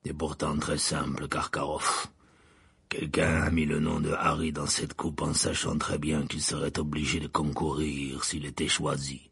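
A man voicing a gruff, menacing old male wizard in an audiobook, speaking in a slow, calm growl. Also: extremely low pitch, no room sound, clean studio sound, pitched below the performer's own voice, exaggerated voice. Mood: growling menace. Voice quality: growling, gravelly. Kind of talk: audiobook character voice.

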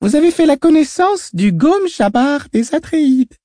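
Audiobook role: eerie little girl, cunning and cool, high lively voice, mellow tone, put on by a male narrator. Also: moderate pace, dry recording, clean studio sound. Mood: mocking. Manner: high, thin put-on child voice. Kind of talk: audiobook character reading.

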